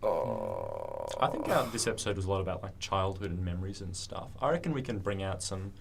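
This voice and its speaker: A man's voice: low-pitched, sing-song, a little fast, vocal fry, slight background noise. A young man co-hosting a casual student podcast chat, with a dry, mock talkback-radio way of talking.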